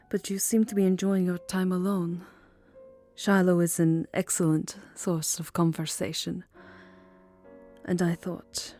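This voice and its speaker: In a second-person ASMR romance roleplay, a woman with a lowish voice plays a lovelorn, melancholy vampire countess who is burned and full of self-loathing. Her delivery is slow, tender and wistful, soft, hesitant and formal, often sinking into whispers.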